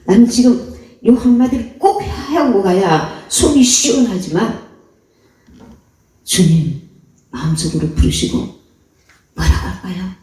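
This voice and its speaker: A woman's voice: mid-range voice, lively intonation, a little slow, pauses often, warm tone, recorded from a distance. A woman missionary preacher delivering an earnest, exhorting sermon in a church. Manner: earnest, exhorting, acts out quoted voices. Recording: echoey hall, voice off-mic.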